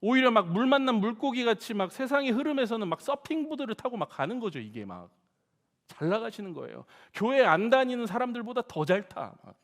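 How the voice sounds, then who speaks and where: A man preaching a sermon as pastor, telling humorous stories in a lively way and often addressing the congregation directly. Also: extremely high pitch, brisk. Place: church sanctuary. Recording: long church hall reverb.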